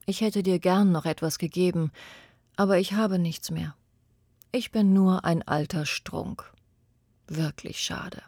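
A gentle, giving apple tree from a storybook, as a woman reader puts it on, coaxing the boy it loves in soft, husky tones. The delivery is unhurried and close, with no room around it. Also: lowish voice, dry recording. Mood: faint tender. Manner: eager and coaxing, later faint and whispery. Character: loving, selfless old apple tree.

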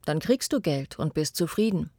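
A woman's voice: sits low, animated, normal speed, dark tone, husky, dry recording, studio quality, exaggerated voice. A woman voicing a loving, selfless old apple tree in a read-aloud storybook, coaxing and tender. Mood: eager coaxing. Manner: eager and coaxing, later faint and whispery.

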